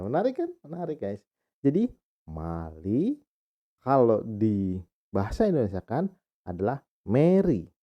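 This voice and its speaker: A young man chatting casually to his viewers as he reviews a language book, slowly sounding out practice syllables. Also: medium pitch. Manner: casual slangy talk, addressing viewers as guys. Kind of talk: casual vlog chat. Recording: dull lo-fi sound.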